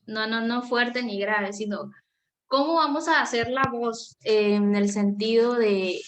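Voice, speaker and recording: A woman's voice: on the high side, a little slow. A woman teacher leading a class, patiently asking questions and sometimes searching for the right words. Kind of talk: online class lesson.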